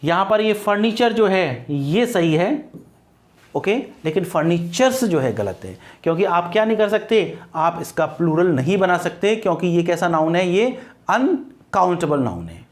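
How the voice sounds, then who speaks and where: High-voiced man teaching grammar online. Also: very animated, moderate pace. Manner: explains patiently, reassures students, spells words letter by letter; mixes English terms into his talk.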